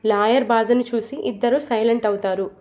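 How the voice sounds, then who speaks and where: A woman narrating a romance storybook in a plain, steady reading voice. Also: on the high side, brisk.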